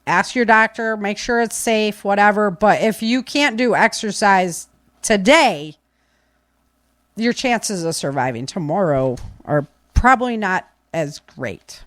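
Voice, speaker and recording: A woman with a medium-pitched, animated voice speaks a little slowly, recorded with clean studio sound and no room noise. She's a podcast speaker on preparedness and self-defense, talking casually but insistently and repeating key phrases to stress her firm, opinionated advice.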